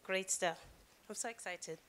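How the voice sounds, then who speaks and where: A woman's voice: mid-range voice, a little slow, a bit bright, slight background noise. A woman hosting an event, announcing prize winners in an upbeat, chatty way. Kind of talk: ceremony announcing.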